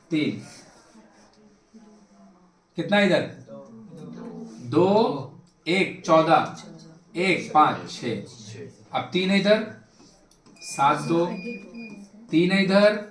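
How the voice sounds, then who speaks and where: High-voiced young male teacher, echoey classroom. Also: fairly bright tone. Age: young adult. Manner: brisk and insistent, repeats himself, prods students. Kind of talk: classroom maths lecture. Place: classroom with a board.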